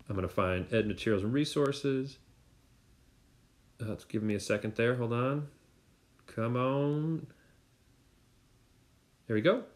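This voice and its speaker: Casual low-voiced man explaining an app. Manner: casual, thinking aloud, many fillers and "right?". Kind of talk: screen-recorded tutorial walkthrough.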